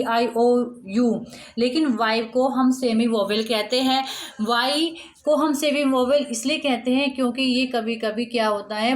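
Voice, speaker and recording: A young woman teacher explaining a lesson patiently, repeating and rephrasing each point and mixing Hindi with English terms. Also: high voice.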